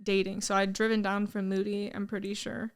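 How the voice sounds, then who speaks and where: A woman's voice: medium pitch, completely flat delivery, a little fast, clean tone. A young woman guest on a podcast, chatting casually, telling stories in an easygoing, upbeat way and laughing along. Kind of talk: casual chat.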